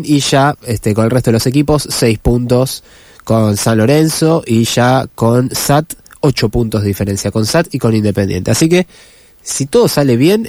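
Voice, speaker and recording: A man with a Rioplatense accent, hoarse from a cold, giving a brisk sports report as radio co-host. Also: medium pitch, darkish tone, no room sound. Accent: Rioplatense Spanish. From Argentina. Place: radio studio.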